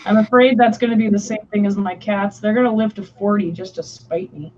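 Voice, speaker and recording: A woman's voice: mid-range voice, fairly even intonation, brisk, darkish tone. A woman in her late twenties co-hosting a casual chat with friends, rambling and giggly, often cutting herself off mid-sentence. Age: late 20s. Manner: rambling, giggly, self-interrupting. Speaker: co-host. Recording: dull lo-fi sound with faint noise.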